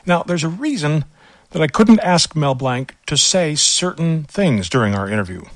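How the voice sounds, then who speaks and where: A man hosting and narrating a feature segment in a measured, scripted broadcast delivery. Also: fairly high pitch, very animated, dry recording. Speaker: show host and narrator.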